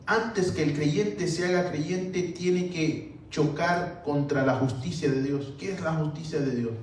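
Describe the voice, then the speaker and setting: Slow-preaching pastor in an echoey hall. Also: male voice, a little high. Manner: preaching slowly, addressing listeners as brothers. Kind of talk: sermon. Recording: roomy echo from far off with faint background noise.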